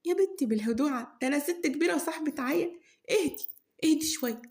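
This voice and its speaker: A woman's voice: high-pitched, lively intonation, quick pace, a little mellow, voice pushed up. A woman voicing a stern, sensible older village woman with an Egyptian accent, speaking firmly. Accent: Egyptian Arabic.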